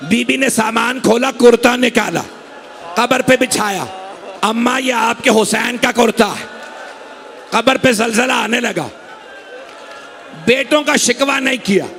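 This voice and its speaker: A man's voice: very high voice, a little slow, vocal fry, a bit bright. A male cleric delivering a Muharram mourning sermon in an imambargah hall, telling the story in a grief-laden, mourning tone.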